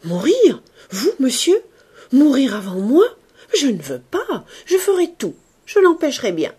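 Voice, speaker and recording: A woman's voice: medium pitch, animated, moderate pace, warm tone, breathy edge. A woman reading aloud, voicing a devoted aging servant woman who cries out and pleads. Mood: frantic pleading. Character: devoted old female servant, desperate.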